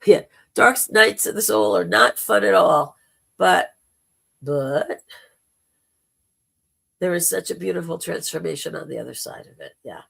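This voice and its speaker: A spiritual livestream host with a gravelly, temporarily hoarse voice, talking informally and gently encouraging the viewers. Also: mid-range voice, unhurried, long pauses.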